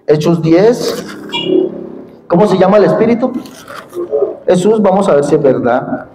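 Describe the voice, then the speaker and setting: A man preaching a fiery sermon, quizzing the congregation and rising to shouts. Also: high voice, unhurried, noisy background. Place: large church hall at a congress. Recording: echoey hall with long reverb.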